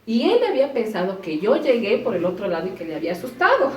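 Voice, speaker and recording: A woman casually telling a personal story, acting out quoted voices with sudden jumps in pitch. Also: sing-song, fast talker, a crowd in the background. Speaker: storyteller recounting an experience. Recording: roomy echo, voice from a distance, faint noise.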